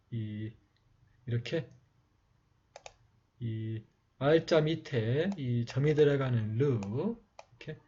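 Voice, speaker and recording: A man slowly explaining how to write letters in a lesson, pausing often with fillers. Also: mid-range voice, a little mellow, breathy edge. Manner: slow, halting explanation with many fillers. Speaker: teacher. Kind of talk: calligraphy writing lesson. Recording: dull lo-fi recording.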